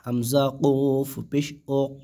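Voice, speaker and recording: Slow patient male Quran reading teacher. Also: medium pitch, flat delivery, dark tone. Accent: Bangladeshi Bengali. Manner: patient, spells letter by letter and drills repetition. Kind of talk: slow spelling-out Quran lesson.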